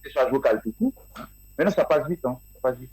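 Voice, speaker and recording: A man being interviewed about his music, answering in a halting way with many fillers and restarts. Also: mid-range voice, animated, a little mellow, husky, poor audio. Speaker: guest musician.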